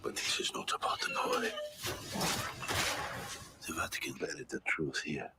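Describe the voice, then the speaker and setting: An actor playing a grave male exorcist priest in a film trailer, speaking in a low gravelly whisper. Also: wildly swooping pitch, normal speed, full character voice. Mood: ominous. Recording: trailer audio with music behind.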